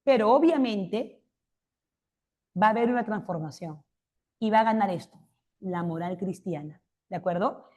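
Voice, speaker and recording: A woman's voice: mid-range voice, animated, moderate pace, long pauses, mellow. A woman giving a classroom literature lecture, explaining points and often checking with rhetorical questions. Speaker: literature teacher.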